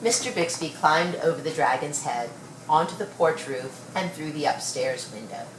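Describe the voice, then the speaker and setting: Low-voiced and expressive, a female reader narrates a children's storybook at a measured pace. Faint background noise sits in a roomy-sounding recording.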